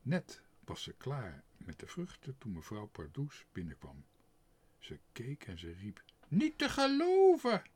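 A man narrating a children's storybook aloud in an expressive, unhurried way. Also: low voice, slightly rough. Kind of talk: storybook reading.

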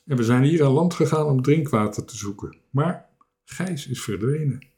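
A man's voice: medium pitch, animated, normal speed, dark tone, natural voice. A man voicing a self-assured small boy captain. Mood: firm.

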